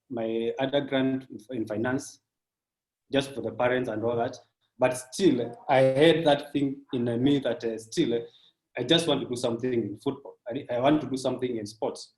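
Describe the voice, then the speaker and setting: A man in his thirties talks through his thoughts in a measured, reflective way, dropping in frequent fillers. His voice is mid-pitched, and the recording has a noticeably roomy echo around it. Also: darkish tone. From Kenya. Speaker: sports business professional. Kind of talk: casual interview.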